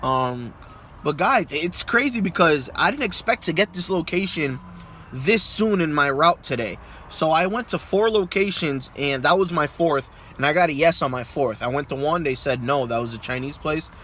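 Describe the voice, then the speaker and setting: A young man recording a casual vlog about his vending machine business, excited and motivational, filmed on a handheld phone. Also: medium pitch, slight background noise. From Massachusetts. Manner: excited, motivational, retells dialogue.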